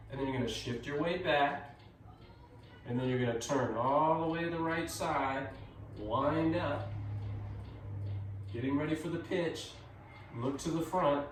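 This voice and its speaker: Calm guy teaching tai chi step by step, slow talker, really echoey and far from the mic. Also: medium pitch. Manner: calm, measured step-by-step cueing. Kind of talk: instructional movement cues. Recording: echoey room, distant mic, faint noise.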